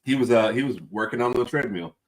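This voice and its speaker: A man's voice: medium pitch, fast, poor audio. A man in his forties hosting a podcast, talking in a laid-back, easygoing casual chat. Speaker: podcast host.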